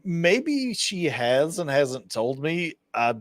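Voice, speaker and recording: A man's voice: fairly high pitch, big pitch swings, slow pace, dry recording, studio quality. A man hosting a casual stream chat, laid-back, swearing and laughing often.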